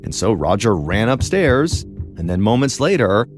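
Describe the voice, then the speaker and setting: A man hosting a podcast, telling a true crime story in a measured, dramatic way with pauses. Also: fairly low pitch, sing-song, soft background music. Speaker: podcast host and narrator.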